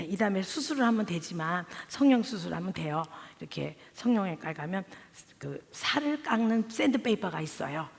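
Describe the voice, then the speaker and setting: A middle-aged woman delivers a humorous sermon, telling family stories and mimicking her relatives' voices. Her fairly high voice carries a gravelly edge. Long reverb fills the church hall around her. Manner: lively storytelling, mimics family members' voices. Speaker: guest speaker, family therapy professor. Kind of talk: humorous sermon with acted anecdotes.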